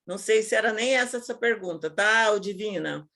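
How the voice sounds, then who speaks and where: A woman educator talking casually to teachers over a video call, lively and colloquial, acting out the scenes she tells. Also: mid-range voice, brisk. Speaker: educator giving a talk.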